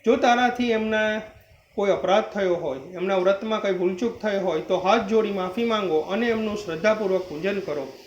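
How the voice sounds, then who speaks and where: A fatherly old sage speaks slowly and gently, as a male storyteller puts him on. The voice sits fairly high. The recording is roomy and a little dull. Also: a little hiss or hum, close to an everyday voice.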